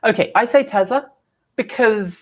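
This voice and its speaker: A woman's voice: fairly high pitch, moderate pace. English woman chatting on a live stream, rambly, kinda exasperated, wry. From England. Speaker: host of an electric vehicle show. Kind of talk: casual live-stream chat answering comments.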